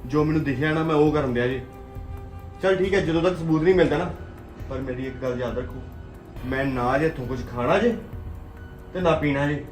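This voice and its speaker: A man's voice: on the high side, fairly quick, pauses often, lightly acted. A man with a Punjabi accent playing a hot-tempered young husband who accuses his wife. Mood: heated. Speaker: angry husband and son. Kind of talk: family drama acting. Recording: roomy echo, faint music.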